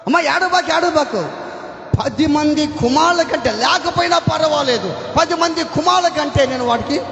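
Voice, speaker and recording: A man voicing a gentle, loving husband who pleads with his weeping wife in soothing repetitions. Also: very high-pitched, normal speed, creaky, pitched above the performer's own voice, heavily acted. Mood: consoling. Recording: echoey hall.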